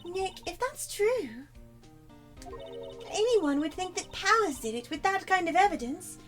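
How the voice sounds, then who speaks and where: A woman's voice: very high-pitched, animated, measured pace, a bit bright, voice pushed up, full character voice. A woman reading lines for an earnest young woman sidekick in a video game, over faint music. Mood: worried.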